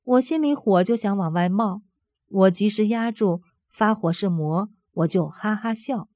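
A woman with a mellow, warm voice reads a first-person story aloud, earnest and steady. The sound is dry and close, with no room around it. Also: medium pitch, a little slow, no room sound. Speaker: narrator reading a personal testimony.

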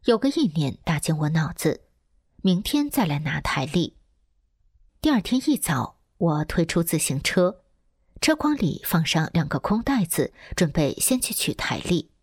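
A woman reading a first-person testimony aloud in a steady, earnest way. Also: sits low, breathy edge, dry recording, clean studio sound.

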